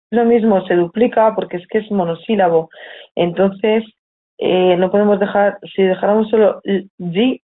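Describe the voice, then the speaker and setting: Husky Spanish woman teaching online. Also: lowish voice. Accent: Spanish, from Spain. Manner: explanatory, checks in with students, reads the chat aloud. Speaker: Italian teacher. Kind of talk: live online lesson. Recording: tinny phone-like audio.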